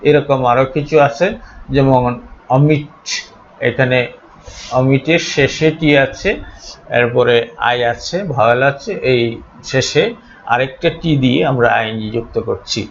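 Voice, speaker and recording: Gravelly man teaching a patient lesson. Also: medium pitch, lo-fi sound, a little hiss or hum. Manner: deliberate, spells out letters, frequent "ah" fillers. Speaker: English teacher. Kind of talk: explanatory grammar lesson.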